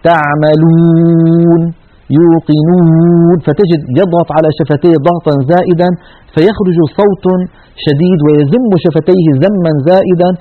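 Speaking a little fast in a high voice, a man leads an earnest tajweed lesson on Quran recitation, modeling every sound himself. It comes through with a thin, narrow-band radio quality.

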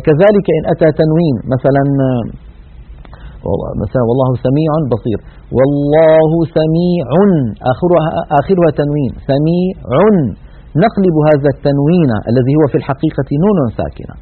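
In a broadcast lesson, a man teaches Quran recitation, demonstrating sounds in a measured, explanatory way. His husky voice sits a little high and he speaks quickly, with tinny, narrow audio like a phone line.

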